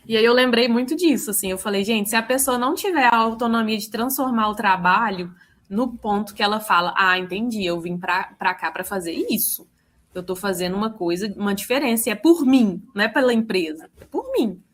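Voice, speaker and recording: Uma mulher com sotaque mineiro que conta casos do trabalho numa chamada de vídeo, imitando as falas dos outros com animação. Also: female voice, medium pitch, brisk. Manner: animated, quotes herself and others. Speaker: book club participant. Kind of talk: casual storytelling in a video call. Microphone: video call.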